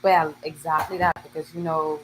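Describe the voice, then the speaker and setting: Animated Bahamian woman telling stories. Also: deep voice, moderate pace, noisy background. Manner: animated storytelling, lively dialect slang. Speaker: guest musician. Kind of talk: casual interview chat.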